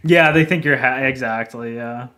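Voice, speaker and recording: A foreign indie game developer living in Japan streams live, casually replying to chat in a meandering way, laughing often and swearing offhandedly. He talks at a normal speed in a mid-range, fairly bright voice and has a non-native accent in Japanese.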